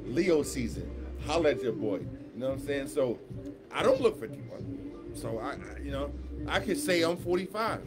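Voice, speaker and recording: A man's voice: medium pitch, sing-song, normal speed, music in the background. A man in his fifties, a guest DJ on a radio talk show, chatting casually, bragging and repeating himself. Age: 50s.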